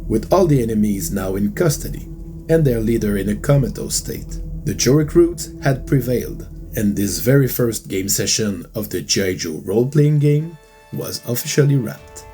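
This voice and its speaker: A man whose first language is not English, narrating a tabletop game session recap as game master, in a measured storytelling manner. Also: fairly low pitch.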